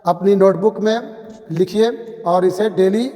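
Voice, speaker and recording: A man's voice: high voice, steady tone, unhurried, mellow, long reverb tail. A man giving a grammar lesson, saying each example sentence in English and then in Hindi, repeating words to drive them home. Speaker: English teacher. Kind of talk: classroom-style grammar lesson.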